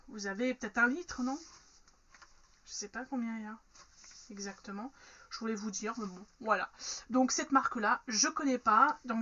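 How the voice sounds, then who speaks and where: A woman's voice: fairly high pitch, bright, forceful tone, muffled recording, slight background noise. A woman chatting frankly through an unboxing, with many fillers. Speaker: unboxing vlogger. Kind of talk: casual unboxing chat.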